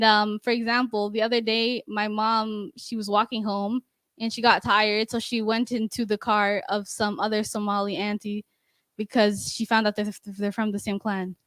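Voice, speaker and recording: A young woman with a fairly high-pitched voice gives a class presentation as a student and answers questions, speaking haltingly with many restarts and fillers. She uses a handheld microphone in a bright meeting room, and the recording is dry.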